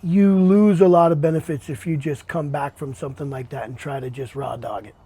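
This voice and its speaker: A man hosting a podcast interview, chatting in a relaxed way, often repeating words and calling his guest "man". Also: on the high side, fairly quick, slight background noise. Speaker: podcast host. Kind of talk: casual interview chat.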